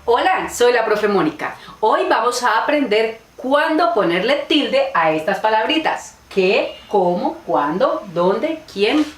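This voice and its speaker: A woman's voice: fairly high pitch, very animated, takes it slowly, hardly any pauses. A woman teacher gives a patient, explanatory grammar lesson and works through spoken examples. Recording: echoey room with faint background noise.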